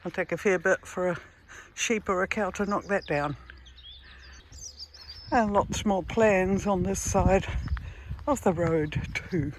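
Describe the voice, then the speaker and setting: A lowish-voiced Kiwi travel vlogger keeps up casual, admiring chatter while walking, her breath slightly short. The handheld camera records her on a hilly rural road, along with the ambient noise around her.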